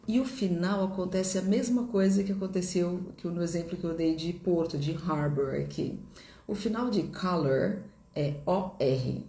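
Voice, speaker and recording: Woman teacher, low pitch, mellow tone, patient step-by-step explaining, roomy echo. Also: gravelly. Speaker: English teacher. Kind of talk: live online English lesson.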